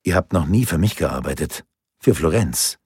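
A man's voice: rumbling low, animated, normal speed, darkish tone, husky, no echo, studio quality, heavily acted. A man voicing a persuasive Renaissance ruler urging a friend, in a pleading, earnest way.

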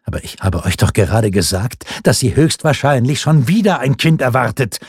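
A man's voice: medium pitch, lively intonation, moderate pace, husky, dry recording, studio quality, voice pushed up. A man voicing an indignant, startled king in a historical audiobook. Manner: indignant, incredulous. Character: flustered king, easily startled.

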